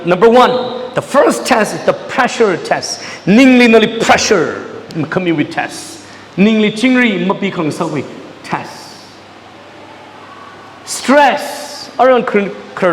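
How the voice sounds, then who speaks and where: A man's voice: high-pitched, a little hiss or hum. A man preaching a sermon in a church, dropping English words into his talk. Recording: echoey church hall, mic at a distance.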